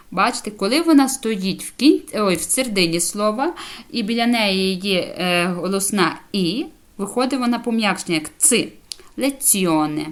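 A woman with a Ukrainian accent runs a beginner language lesson at a mid pitch. She explains each sound slowly and patiently. She keeps stopping to check that her students follow. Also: fairly bright tone. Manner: patient, checks understanding with short questions. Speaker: language teacher. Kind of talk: explaining Italian pronunciation lesson.

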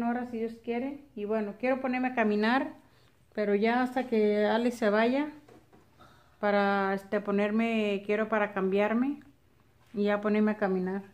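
A woman's voice: medium pitch, darkish tone. A middle-aged woman with a Mexican accent chats casually and colloquially to camera as a family vlogger, holding a phone at arm's length. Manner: colloquial, chatty. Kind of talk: casual narration to camera while doing daily errands. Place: at home, indoors and in front yard. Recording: handheld phone with clear ambient noise.

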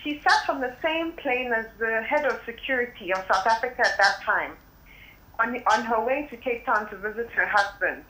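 A woman's voice: fairly high pitch, lively intonation, moderate pace, bright, forceful tone. A woman guest calling in by phone, speaking with emphatic, impassioned commentary. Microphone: telephone. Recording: tinny phone line, echoey.

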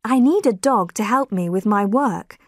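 A woman voicing a calm, careful female detective in a storybook reading, speaking slowly and deliberately. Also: mid-range voice, dry recording, studio quality, lightly acted. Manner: slow, deliberate speech.

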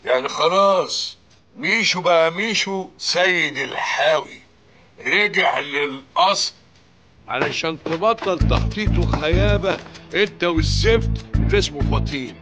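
A man's voice: on the high side, big pitch swings, unhurried, music in the background. An actor in his sixties playing a boastful older father, teasing and sarcastic in an Egyptian accent. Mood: mocking, triumphant. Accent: Egyptian Arabic.

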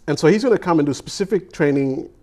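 A man in his forties, a foundation founder, answering studio interview questions enthusiastically with many halting fillers, on a lapel mic. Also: on the high side, animated, a little mellow.

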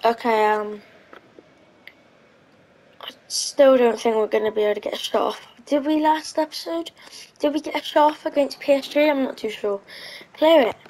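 A woman's voice: sits high, normal speed, long pauses, a little mellow, low-quality recording. Chatty woman thinking aloud over a game. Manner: chatty, hesitant, thinking aloud with frequent ums. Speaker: gaming channel host. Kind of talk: casual gameplay commentary.

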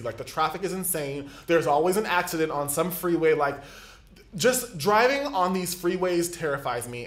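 A young man vlogger telling an exasperated, animated storytime. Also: on the high side. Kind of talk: storytime vlog. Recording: echoey room.

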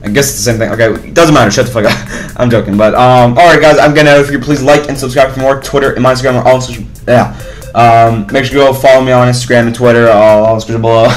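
Loud swearing young gamer guy. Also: mid-range voice, steady tone, very fast, faint music behind, rough recording. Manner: loud, swearing, frustrated outbursts. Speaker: gaming YouTuber. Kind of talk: casual gameplay commentary. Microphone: headset.

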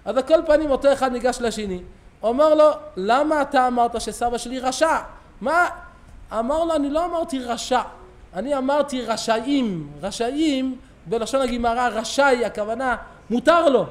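A middle-aged man, a rabbi, giving a sermon in a synagogue, telling stories and acting out the quoted dialogue with animation. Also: extremely high pitch. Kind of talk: sermon with storytelling.

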